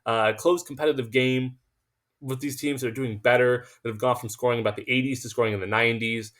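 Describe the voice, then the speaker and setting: A man's voice: mid-range voice, brisk. A man hosting a sports betting picks video, talking emphatically and confidently, sometimes tripping over his words. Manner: emphatic, confident, self-assured; stumbles and restarts when excited. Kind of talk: casual betting picks monologue.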